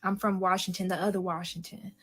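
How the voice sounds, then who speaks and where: A woman's voice: lowish voice, flat delivery, fairly quick, fairly bright tone, slight background noise. A woman from Seattle talks casually on a live stream, drifting from one thought to the next. She speaks straight to her viewers and answers their comments in an easy, rambling way. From Seattle, USA. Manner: chatty, rambling, addresses the live chat directly.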